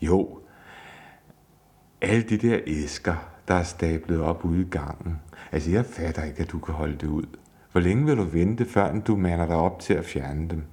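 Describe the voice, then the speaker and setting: A man's voice: sits low, dark tone, close to an everyday voice. A man voicing an exasperated wife who scolds and swears at her husband, read aloud from a book. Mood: annoyed. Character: fed-up wife, angry and nagging.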